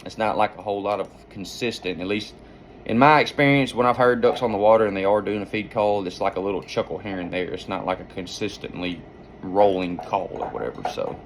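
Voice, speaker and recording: A man with a low voice walks through a practical tutorial in an informal, folksy manner. His explanations ramble along like those of an amateur outdoorsman showing a skill. There is some noise behind him. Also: brisk. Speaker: duck-calling instructor and hunter.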